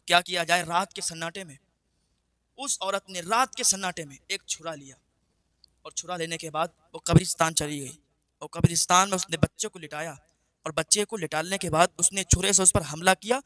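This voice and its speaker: A man's voice: sits high, bright, forceful tone, dry recording. A male preacher telling a story in a sermon, emotive and often repeating his phrases.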